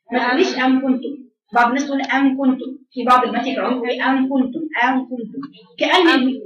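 A woman with an Egyptian accent teaching a class, quizzing students and demonstrating letter sounds. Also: sits high. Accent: Egyptian Arabic. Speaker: Quran recitation teacher. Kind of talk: classroom lesson. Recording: echoey room, distant muffled mic.

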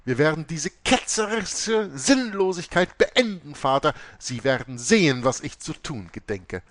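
A man voicing a shrill, stern convent head. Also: sing-song, measured pace, dry recording. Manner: sharp, commanding, scolding. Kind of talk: audiobook reading.

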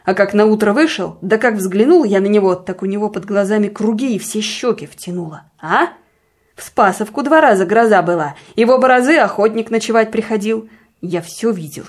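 A woman's voice: mid-range voice, lightly acted. Woman voicing Savely, a muttering, accusing village sexton. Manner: muttering and accusing, flaring into angry outbursts. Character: grumbling, suspicious village sexton, a man.

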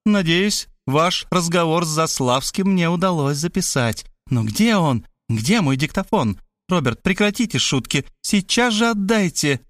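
A man reading an audiobook, voicing a fussy, insistent middle-aged woman who talks fast and pushes her point. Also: a little high, animated, fairly bright tone, no room sound, studio quality, voice pushed up. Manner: rapid, pushy, matter-of-fact.

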